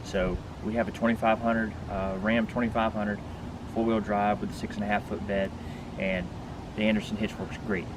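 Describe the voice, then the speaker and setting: A man's voice: lowish voice, little pitch movement, moderate pace, hardly any pauses, noisy background. A man giving a casual, plain-spoken walkthrough to camera, explaining equipment in an informal, instructive way. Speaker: RV vlogger giving a product walkthrough. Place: outdoors beside a pickup truck bed.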